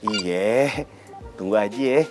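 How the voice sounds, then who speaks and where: A man's voice: fairly low pitch, takes it slowly, over music. An actor playing a sleepy, playful young man who teases. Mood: teasing. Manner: sleepy, drawling, playful teasing.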